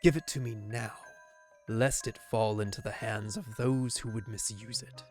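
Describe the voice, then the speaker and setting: A man voicing a stern, honorable swordsman from a video game in a low gravelly growl, with grave, archaic, formal phrasing. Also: fairly even intonation, normal speed, faint music behind, natural voice. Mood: menacing, grave. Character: stern, honorable swordsman reading out threats to a knight. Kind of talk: video game dialogue read aloud.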